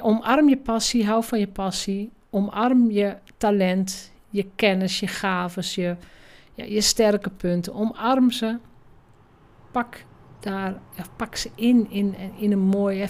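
A woman's voice: mid-range voice, darkish tone. Emphatic woman podcast host coaching. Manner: direct, emphatic, exhorting listeners. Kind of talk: solo podcast monologue.

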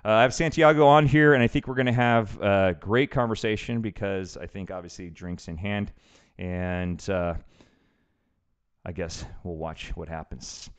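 A middle-aged man with a lowish, smooth voice speaks at a moderate pace and fairly even intonation. He's hosting a casual podcast, rambling loosely and leaning on lots of fillers while introducing his guest.

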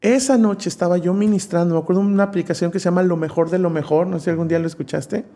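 Preacher with a mellow voice. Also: male voice, sits high, very fast. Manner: lively storyteller who acts out quoted voices. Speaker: preacher, guest. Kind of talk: telling a personal testimony in an interview.

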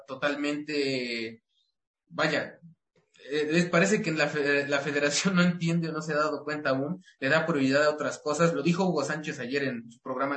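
A man's voice: mid-range voice, a bit bright. Rambling Mexican man in an echoey room. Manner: rambling, many restarts and fillers. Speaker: sports show co-host. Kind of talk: casual football talk.

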